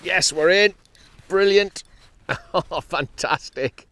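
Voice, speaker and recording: This North East England man sits high in pitch and talks slowly, the recording dry, as he films a fishing vlog from his kayak at sea on an action camera mounted to the boat. He keeps up cheerful, chatty commentary that bursts into excitement whenever a fish gets hooked.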